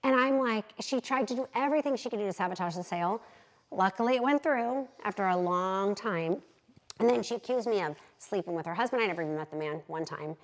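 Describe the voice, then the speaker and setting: A realtor in her thirties, telling animated, candid stories as a podcast guest. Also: mid-range voice, fast talker, rough recording. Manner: animated, candid, acts out quotes. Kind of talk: lively storytelling in an interview.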